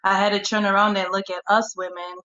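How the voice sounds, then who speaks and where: A woman's voice: mid-range voice, flat delivery, brisk, sharp tone, muffled recording. A woman in her late twenties from Congo, calling in and speaking earnestly with lots of "like" and "um". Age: 20s. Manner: earnest, reflective, lots of fillers. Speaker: caller.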